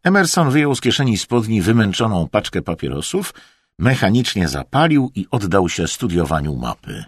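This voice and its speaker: A man reading an adventure audiobook in a dramatic, highly expressive way. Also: normal speed, slightly rough, no room sound, clean studio sound. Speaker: audiobook narrator. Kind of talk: scripted audiobook narration.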